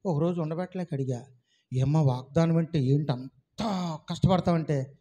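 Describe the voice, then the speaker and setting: A man preaching as a pastor, telling stories with lively acted-out dialogue, often calling out to his congregation. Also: fairly high pitch, moderate pace. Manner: animated storytelling, acts out a villager woman's words, calls out to the congregation. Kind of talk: sermon.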